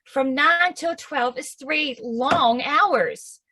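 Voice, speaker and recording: A woman's voice: high voice, extremely slow, sharp tone, exaggerated voice. An actress playing an impatient young girl in love with a Southern US accent, pleading eagerly in verse. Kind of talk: stage acting of verse drama.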